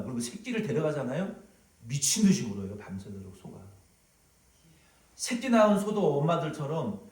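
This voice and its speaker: A male pastor preaching a sermon, animated and storytelling, at times acting out sounds, in a church sanctuary. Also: on the high side. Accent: Korean, Jeolla dialect touches. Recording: echoey hall, from far off.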